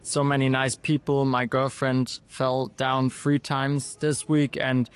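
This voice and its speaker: A young filmmaker answering an interview in a halting but enthusiastic way. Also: male voice, medium pitch, level tone, smooth.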